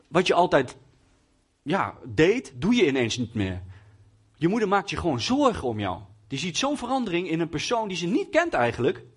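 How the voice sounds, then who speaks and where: Husky young man giving a testimony sermon. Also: a little high. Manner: hesitant, with many fillers and restarts. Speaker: lay preacher.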